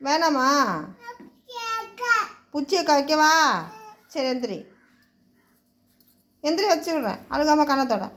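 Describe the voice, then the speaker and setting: High-voiced mother coaxing her child. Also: takes it slowly, pauses often. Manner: coaxing and scolding by turns. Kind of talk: casual talk to her small child at home. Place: home.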